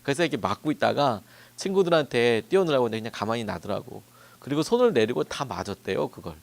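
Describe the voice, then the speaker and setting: A man's voice: medium pitch, sing-song, fast talker, creaky. A man preaching a dawn-service sermon as a pastor, telling stories in a conversational way. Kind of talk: sermon at a dawn prayer meeting.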